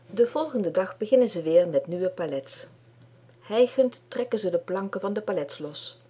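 A woman reading a children's story aloud with lively expression. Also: mid-range voice, moderate pace, breathy edge.

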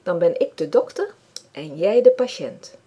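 Storybook kid: woman reading as a proud, bossy small girl, husky tone. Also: lowish voice, sing-song, a little slow, mellow, muffled recording, exaggerated voice. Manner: bossy, boastful.

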